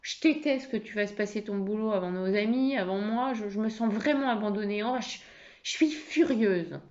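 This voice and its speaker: A woman acts out a wife at the end of her patience who bursts out loudly and indignantly. Her voice has a gravelly grain, and the recording is a bit muffled and lo-fi. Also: on the low side, lively intonation, fast. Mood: upset. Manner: loud, heated, indignant outbursts. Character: furious wife whose evening plans fell through.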